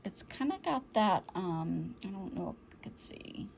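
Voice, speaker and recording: A woman's voice: medium pitch, expressive, measured pace, vocal fry, a little hiss or hum. A woman chatting through an unboxing, easily delighted and often apologizing for slips. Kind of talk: casual unboxing chat.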